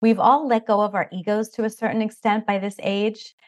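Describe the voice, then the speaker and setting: A middle-aged woman chats as a podcast guest. Her talk is enthusiastic and rambling, filled with "like" and "you know," in a voice of middling pitch. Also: fairly even intonation, fairly quick, a little mellow. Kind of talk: casual interview chat.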